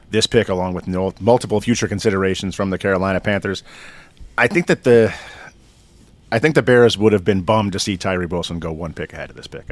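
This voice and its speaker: A man co-hosting a sports podcast, explaining his reasoning in a measured, casual way. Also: deep voice. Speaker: podcast co-host.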